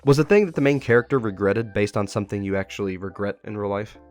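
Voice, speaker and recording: A man with a fairly low, darkish voice talks fast as he hosts an easygoing interview on a web horror series. His questions are inquisitive and encouraging, and music plays in the background.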